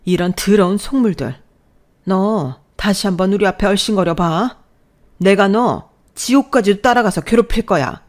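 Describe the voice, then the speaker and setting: In a storybook drama, a fierce older widow lashes out in a forceful, scolding voice, as a woman narrator puts her on. She speaks a little higher and louder than the narration. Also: moderate pace, close to an everyday voice. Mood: furious.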